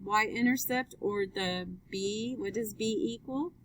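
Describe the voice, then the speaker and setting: Upbeat woman teacher, slow and quizzing. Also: medium pitch, poor audio. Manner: upbeat, quizzing students with questions. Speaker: math teacher. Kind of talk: live classroom lesson.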